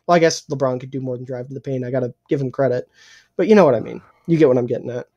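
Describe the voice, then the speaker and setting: A young man co-hosting a casual sports podcast, opinionated and swearing freely, a little hoarse and clearing his throat. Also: mid-range voice, rapid-fire, warm tone. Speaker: podcast co-host.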